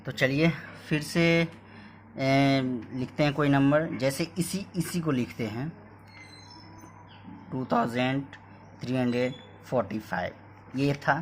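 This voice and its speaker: A man teaching a maths lesson, explaining step by step, repeating points and reading numbers out slowly. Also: mid-range voice, slight background noise. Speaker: math teacher. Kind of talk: whiteboard lesson.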